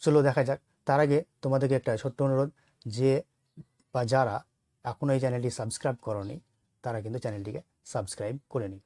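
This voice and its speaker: A man's voice: mid-range voice, a little fast, no echo, clean studio sound. Patient male English teacher. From Bengal. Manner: patient, lists word pairs in a steady teaching rhythm. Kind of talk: vocabulary lesson for learners.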